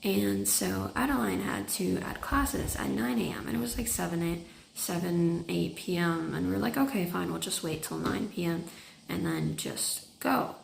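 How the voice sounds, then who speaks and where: A woman's voice: lowish voice, sing-song, moderate pace, creaky. A young woman from Canada with a groggy early-morning voice, narrating a travel vlog in a rambling, chatty way. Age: young adult. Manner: rambling, filler-heavy chatty explaining. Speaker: vlogger. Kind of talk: casual voice-over narration. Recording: roomy echo, faint noise.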